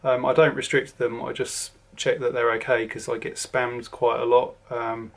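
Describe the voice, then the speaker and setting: A forty-something vlogger with a southern English accent offers a casual, meandering update to camera, stumbling through ums and restarts. He speaks at a normal speed in a gravelly, medium-pitched voice with little pitch movement.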